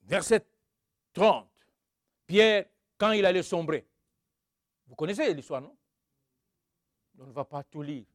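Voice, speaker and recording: A man preaching a sermon who reads scripture, exclaims hallelujah and questions his congregation, swinging from loud outbursts to quiet asides. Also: high voice, lively intonation, slow pace, long pauses, no room sound, studio quality.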